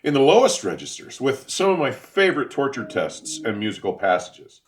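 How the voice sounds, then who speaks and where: Over soft background music, a man with a medium-pitched, very animated voice reads a scripted equipment review. His delivery is emphatic and florid, with carefully deliberate enunciation.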